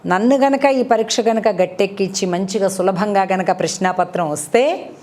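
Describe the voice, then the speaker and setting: A spiritual speaker and storyteller, this woman gives a devotional discourse built on moral stories, teaching conversationally and posing rhetorical questions to her listeners. Her voice is mid-range and a little mellow, at a moderate pace.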